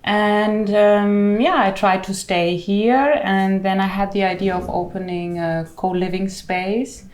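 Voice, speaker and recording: A woman's voice: medium pitch, a little slow, few pauses. German-accented woman in a roomy space. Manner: relaxed, laughs easily, hesitant fillers. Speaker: guest, co-living founder. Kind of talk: casual interview answers.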